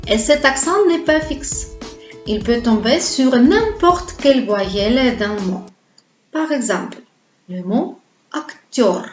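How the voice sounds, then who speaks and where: A woman's voice: a little high, lively intonation, slow pace, soft background music. A woman teaching a pronunciation lesson, explaining patiently and asking her viewers to repeat words after her. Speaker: Russian language teacher. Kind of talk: slow, carefully paced pronunciation lesson. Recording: roomy, slightly dull lo-fi sound.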